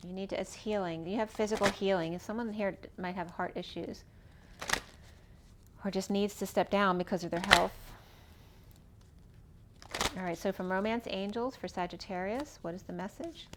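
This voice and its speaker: A woman's voice: mid-range voice, moderate pace, long pauses, noisy background. Chatty woman reading tarot cards. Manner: chatty, thinking aloud while drawing cards. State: losing her voice. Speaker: tarot card reader. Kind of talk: casual spoken tarot reading.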